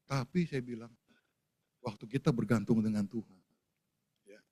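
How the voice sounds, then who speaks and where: An older man, a pastor, telling a personal story, acting out conversations with animated delivery. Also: medium pitch, normal speed. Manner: animated storytelling, acting out phone and chat exchanges.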